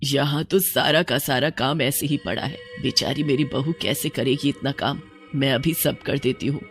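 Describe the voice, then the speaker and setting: A narrator doing a slow, menacing old witch woman. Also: mid-range voice, steady tone, faint music behind, voice pushed down, close to an everyday voice. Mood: tender. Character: vengeful old mother-in-law turned witch.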